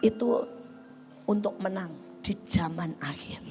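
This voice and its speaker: A middle-aged woman evangelist preaching a sermon, swinging between loud exclamations and hushed asides. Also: mid-range voice, unhurried, vocal fry. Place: large church hall. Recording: large hall reverb with music behind.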